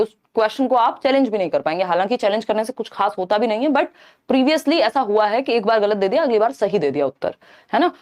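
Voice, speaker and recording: A woman's voice: fairly high pitch, a little mellow. A woman teacher running a live online exam-prep class, explaining step by step, slipping in English terms and often checking that listeners are following.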